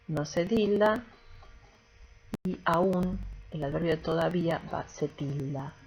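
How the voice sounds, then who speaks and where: A woman's voice: sits low, creaky, a little hiss or hum, low-quality recording. A woman teacher giving a recorded grammar lesson, explaining patiently step by step and often checking in with the class.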